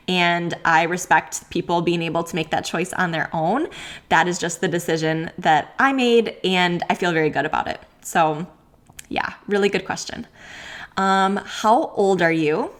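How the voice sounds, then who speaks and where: Candid pregnant woman in her 30s, podcast host, a bit low voice, lots of likes and little laughs. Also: fairly bright tone. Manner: candid, chatty, with frequent likes and ums; laughs often while talking. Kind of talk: solo podcast Q&A.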